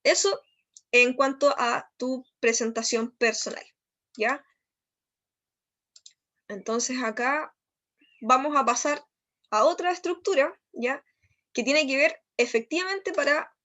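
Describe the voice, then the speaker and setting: Chilean woman, English teacher, high voice, keeps asking "¿ya?" as she explains, slows down on the English examples. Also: a bit bright. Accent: Chilean Spanish. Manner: explanatory, frequent "¿ya?" checks. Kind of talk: recorded online lesson.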